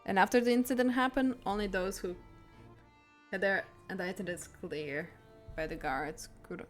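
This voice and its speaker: A woman's voice: medium pitch, normal speed, faint music behind. A woman streaming a game, chatting casually and joking with frequent giggles.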